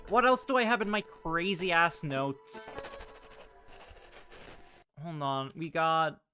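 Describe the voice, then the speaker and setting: Casting: male game streamer, slightly high voice, chatty and wry casual commentary over game music. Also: sharp tone.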